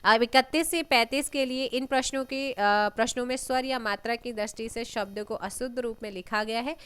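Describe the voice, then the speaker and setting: A woman teaching an exam-prep lesson, reading out questions and giving answers, often clearing her throat. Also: a little high, fairly even intonation, a bit bright. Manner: unhurried, reads questions then gives answers, frequent throat clearing.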